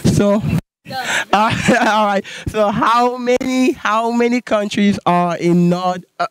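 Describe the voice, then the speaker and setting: A man's voice: high-pitched, fairly even intonation, takes it slowly, smooth, dry recording, poor audio. A young man asking playful questions in a street interview outdoors at night, holding a handheld mic, often laughing. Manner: playful, laughing, repeats "all right".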